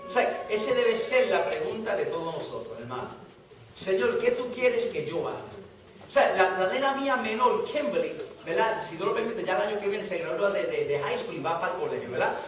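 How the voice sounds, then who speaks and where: A middle-aged man teaching a church Bible study, his voice sitting high and ringing with fervor. He repeats key phrases and keeps asking the room if they follow. The sound is a distant mic in a very echoey hall with a faint hiss behind it. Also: lively intonation, fairly quick, few pauses. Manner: fervent preaching, repeats phrases, asks "¿verdad?".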